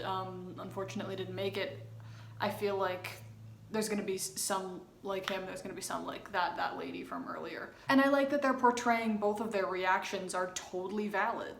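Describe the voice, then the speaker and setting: A young woman hosting a casual reaction video, chatty and opinionated as she comments on a TV episode. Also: mid-range voice. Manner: chatty, opinionated, bursts into laughter. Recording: roomy room with faint noise.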